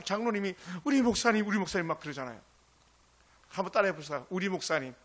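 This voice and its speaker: A male pastor preaching a sermon, impassioned and swinging between loud exclamations and hushed asides. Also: high voice, breathy edge.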